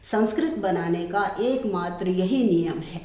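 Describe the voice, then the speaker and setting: Woman teacher, slow and deliberate, repeats word forms, echoey room. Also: on the low side, dark tone. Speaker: Sanskrit teacher. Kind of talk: classroom lesson explaining textbook.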